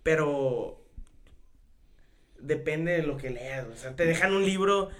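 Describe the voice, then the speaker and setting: A man's voice: fairly high pitch, expressive, slow pace. A young man with a northern Mexican accent in casual chat as a podcast co-host, joking, interjecting and using lots of slang. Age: young adult.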